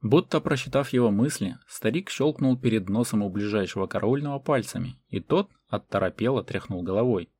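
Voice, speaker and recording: A man reading a fantasy novel as audiobook narration in a measured way. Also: on the low side, animated, darkish tone, husky. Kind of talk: scripted narration.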